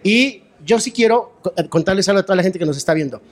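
A man hosting a lively interview, quick to agree with and echo his guests. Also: high-pitched, faint music behind. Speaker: talk show host.

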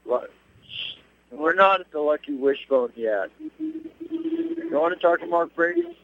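Man, phone call breaking up, thin tinny line, slightly high voice, slangy banter. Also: very animated, slow. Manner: loose, slangy banter, calls people dude. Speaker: caller phoning in to a live show. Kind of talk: casual phone chat. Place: on a moving bus. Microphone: cell phone.

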